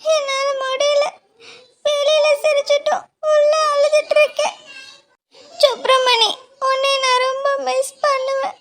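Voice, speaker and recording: A bubbly young bride talks in a cheeky, loving way in a cartoon, voiced by a woman. Her voice is very high and squeaky. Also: normal speed, pauses often. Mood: crying. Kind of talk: cartoon voice acting.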